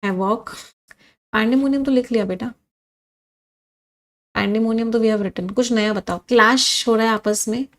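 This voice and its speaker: Speaking at normal speed with frequent pauses, a woman with a fairly high pitch and an Indian accent runs a live online English vocabulary lesson. She animatedly reads student comments aloud and drills synonyms with the class.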